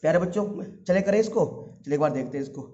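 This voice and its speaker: A maths teacher with a somewhat high, rapid, slightly mellow voice gives an informal lesson, fondly calling his students children. He repeats each step, posing questions to the class and answering them himself. The recording sounds dull and lo-fi.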